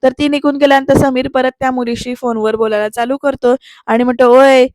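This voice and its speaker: A woman's voice: high-pitched, flat delivery, fast talker, a little mellow, no room sound, studio quality. A woman giving a voice-over recap of a TV serial, talking straight to her viewers. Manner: storytelling recap, addresses viewers directly. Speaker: serial reviewer.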